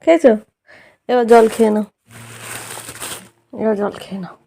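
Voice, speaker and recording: A woman's voice: a little high, expressive, moderate pace, gravelly, mellow, slight background noise. A woman vlogging at home at night, chatting casually and coaxing her small son with repeated words. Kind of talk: casual vlog chat.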